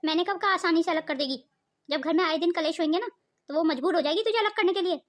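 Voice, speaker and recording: A woman's voice: very high voice, quick pace. A woman voicing a scheming, meddling mother in a cartoon, coaxing in a conspiratorial way. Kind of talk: melodramatic cartoon voice acting.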